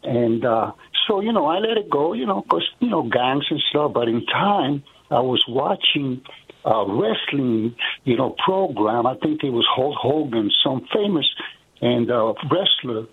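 Husky older man telling a story by phone. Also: mid-range voice, animated, a little slow, phone-quality sound. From Puerto Rico, raised in Brooklyn. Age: 60s. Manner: earnest, peppered with "you know". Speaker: radio caller. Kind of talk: personal storytelling on a call.

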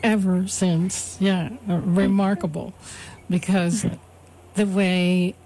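A woman hosting an interview, asking questions in an unhurried, admiring way. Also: lowish voice, flat delivery, mellow, a little hiss or hum. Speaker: interviewer host.

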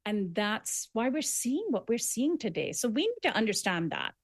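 Earnest woman, emphatic and fairly high-voiced. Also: big pitch swings, normal speed, dry recording. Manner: earnest, emphatic, building arguments with repetitions. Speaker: author guest. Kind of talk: conversational interview.

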